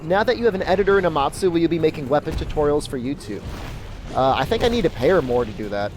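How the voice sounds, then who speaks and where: A man's voice: on the high side, lively intonation, quick pace. A man chats as he streams a game. He is informal and laid-back, fielding questions off the cuff, with some noise behind him. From Mexico or of Mexican descent. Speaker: live streamer. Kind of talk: casual gaming stream commentary, answering chat.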